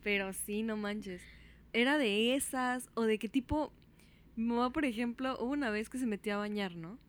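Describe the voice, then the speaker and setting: A Mexican woman tells a childhood story in relaxed conversation, her voice set a little high. She jumps up and down in pitch to act out what each person said, and she keeps a lively, chatty pace. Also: moderate pace. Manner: animated, acts out quotes with big pitch jumps. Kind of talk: casual storytelling chat.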